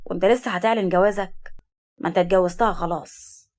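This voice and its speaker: Shrewd, commanding old Egyptian grandfather, read by a woman storyteller, brisk and sharp. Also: fairly low pitch, steady tone, close to an everyday voice. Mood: stern. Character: stern, shrewd old grandfather, family patriarch.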